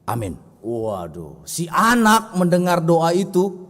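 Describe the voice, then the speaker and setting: A man's voice: fairly high pitch, animated, moderate pace, darkish tone. A man preaching a sermon in a church, talking directly to the congregation and telling a story with vivid voices. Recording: echoey church hall.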